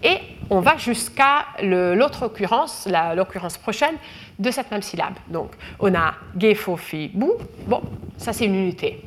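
A woman's voice: mid-range voice, lively intonation, a little slow. A woman giving a lecture, explaining carefully with frequent fillers and restarts. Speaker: researcher lecturing.

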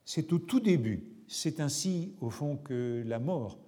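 A man lectures at a slow, measured pace, his voice mellow and soft-edged. He pauses often and fills gaps with small hesitations as he reads passages aloud. His voice carries a long reverb, as if he is in a large hall. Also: a little high, expressive. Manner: deliberate, pausing with hesitations. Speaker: lecturer on literature.

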